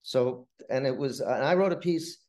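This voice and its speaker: Here a middle-aged man, a playwright under interview, spins stories in a chatty, faltering, meandering way with many repeated words. Pitch is medium; the sound is a touch mellow.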